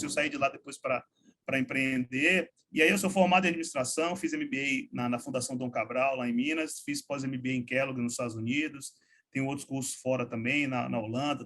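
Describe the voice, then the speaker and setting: A man from Salvador, talking as an energetic, informal interview guest who uses plenty of slang. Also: medium pitch, brisk. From Salvador, Bahia, Brazil. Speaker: guest, logistics startup founder. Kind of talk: relaxed interview talk.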